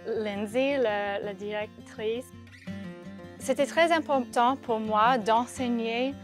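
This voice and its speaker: A woman teacher speaks slowly, pausing to search for words as she reflects in an interview. Plucked guitar music plays clearly behind her. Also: fairly high pitch. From Louisiana, United States.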